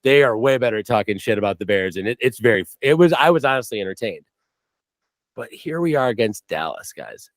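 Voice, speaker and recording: A man's voice: mid-range voice, expressive, fairly quick, no echo. A man co-hosting a casual sports podcast, ranting in a profane, mock-outraged way. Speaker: podcast co-host.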